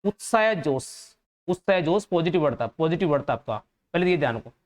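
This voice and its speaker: A man's voice: on the high side, lively intonation, fairly quick. Hindi-accented man teaching exam vocabulary. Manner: explains patiently, repeating key words and meanings. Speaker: English teacher.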